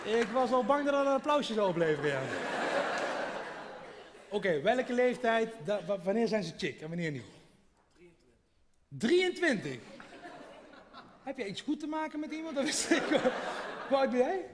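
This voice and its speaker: Male stand-up, high pitch, deadpan crowd-teaser, live hall reverb. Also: normal speed, pauses often, background noise. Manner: teasing, deadpan, quizzing the audience. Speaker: stand-up comedian. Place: theater stage with live audience.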